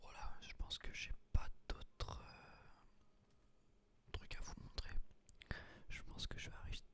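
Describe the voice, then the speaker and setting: A man hosts a gaming video in a slow, hushed, breathy ASMR whisper, recorded close on a binaural microphone.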